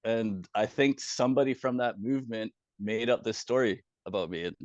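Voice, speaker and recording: A man casually recounting his own experience as a guest, animated and swearing freely, with chuckles along the way. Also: on the low side, normal speed, no echo. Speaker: former community moderator telling his story. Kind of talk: casual first-person storytelling. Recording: dull, dry, somewhat lo-fi sound.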